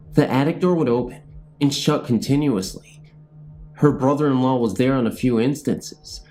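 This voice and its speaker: A man's voice: mid-range voice, a little mellow. A man reading spooky family ghost stories aloud, then talking in a rambling, self-deprecating way as host. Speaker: channel host and storyteller.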